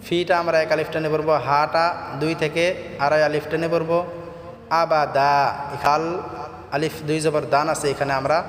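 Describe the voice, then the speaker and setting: A man teaching recitation, alternating slow melodic chanting with quick spoken explanations of pronunciation. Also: a little high, flat delivery, slight background noise. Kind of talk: Quran recitation lesson with chanted verses. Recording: echoey reverberant room with soft music.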